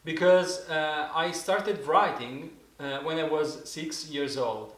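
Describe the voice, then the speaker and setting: A didgeridoo teacher in his forties with an Italian accent gives a casual spoken lesson, often pausing and restarting as he hunts for English words. His voice is fairly high and bright, in a roomy-sounding space.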